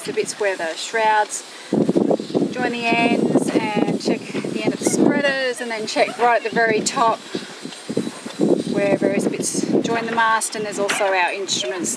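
A woman's voice: mid-range voice, fairly even intonation, unhurried. A woman in her forties vlogging on her sailboat, talking through a rig check in a chatty, practical way, tired after a long day. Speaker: sailing vlogger. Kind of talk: casual vlog narration. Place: outdoors at a marina, on a sailboat. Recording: loud outdoor background noise.

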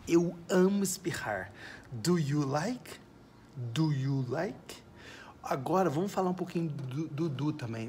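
A Brazilian man giving a casual, playful video lesson in English from his backyard. He says the English examples slowly and clearly. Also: medium pitch, slight background noise. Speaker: English teacher. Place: home backyard, outdoors.

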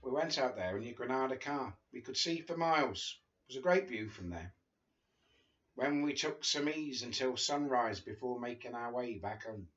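An older man sits on a living room sofa indoors, casually reading a friend's memoir aloud to camera. His mid-range, fairly bright voice moves at a moderate pace, and he chats and chuckles between passages. The sound is lo-fi.

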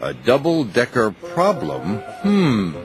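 Grumbling railway boss in a kids' cartoon, slow and lively in pitch, voiced by a man. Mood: pleased. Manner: grumbling, then thoughtful. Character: stout, fussy railway boss, male, middle-aged. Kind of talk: children's TV cartoon voice.

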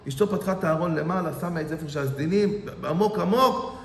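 A man giving a sermon as a rabbi, telling a parable dramatically with lots of repetition. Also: high voice. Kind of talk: sermon with storytelling. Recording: echoey hall reverb.

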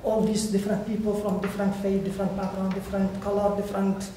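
Man, Iraqi Arabic accent, high-pitched, searching for words as he addresses an audience; heavy echo. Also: completely flat delivery, warm tone. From Iraq. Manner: halting, searching for words in non-native English. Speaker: guest speaker, volunteer. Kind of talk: personal testimony to an audience. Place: bright indoor hall, at a lectern before a seated audience. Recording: very echoey hall, faint background noise.

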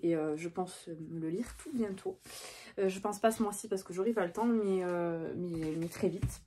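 A woman's voice: on the low side, normal speed, dark tone, a little hiss or hum. A young woman chatting casually about her book purchases, hesitant and full of fillers. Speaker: book vlogger. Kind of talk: casual book haul chat.

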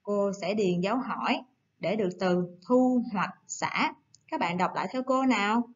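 A woman teacher giving a recorded lesson to young children, coaxing and gentle, slowing down to read words aloud. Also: medium pitch, highs cut off. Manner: gentle, coaxing, slow syllable-by-syllable dictation. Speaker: primary school teacher.

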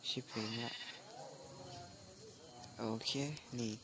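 A man doing casual gameplay commentary in a halting, muttering way, his voice phlegmy from recovering from flu. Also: pushed and bright, a little hiss or hum. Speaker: gaming channel host.

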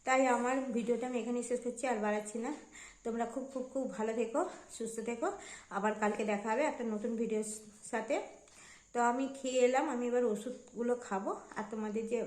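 A woman's voice: fairly high pitch, darkish tone. A middle-aged woman chatting casually in a home vlog, narrating her cooking and her day. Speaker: vlogger. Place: home kitchen. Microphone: handheld phone. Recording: echoey room with faint ambient noise.

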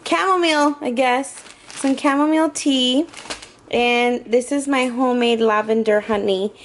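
In her home kitchen, a woman vlogger chats through her meal prep in a relaxed, slightly hesitant way, frequently correcting herself. She has a high voice and a measured pace. Slight background noise can be heard.

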